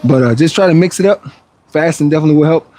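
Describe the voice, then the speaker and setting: A man in his forties talks in a relaxed, rambling way, answering chat questions between workout sets. His voice sits a little higher than most men's. It is casual livestream chat. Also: rapid-fire. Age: 40s. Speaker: fitness livestreamer.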